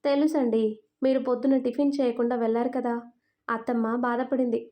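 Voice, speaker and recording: A cheerful, teasing young wife in an audio storybook, voiced by a woman. She speaks politely but playfully, in a high, lively voice. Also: brisk, natural voice. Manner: bright, playful, polite address.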